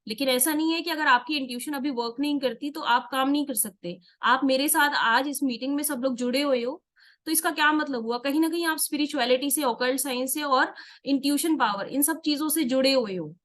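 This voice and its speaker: High-voiced Indian woman teaching tarot. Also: brisk, fairly bright tone. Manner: explains step by step, asks and answers her own questions; mixes Hindi with English words. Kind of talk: online workshop lesson.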